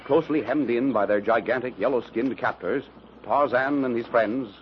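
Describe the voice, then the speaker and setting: A man's voice: mid-range voice, moderate pace. A man giving formal, dramatic scripted narration in the style of a 1930s radio serial. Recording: dull, noisy old radio recording.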